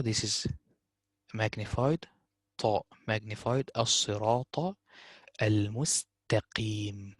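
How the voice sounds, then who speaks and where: A man teaching a tajweed lesson, slowly repeating words to show correct pronunciation. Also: mid-range voice, no room sound. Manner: explains slowly, repeating words in Arabic recitation. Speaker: Quran recitation teacher.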